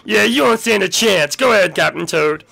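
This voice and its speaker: A man voicing a cocky little mushroom captain who taunts in a squeaky, gleeful way. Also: lively intonation, moderate pace, gravelly, sharp tone, exaggerated voice. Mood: taunting.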